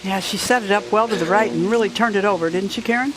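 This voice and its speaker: A woman's voice: mid-range voice, fast talker, low-quality recording. A woman giving conversational golf commentary as an analyst.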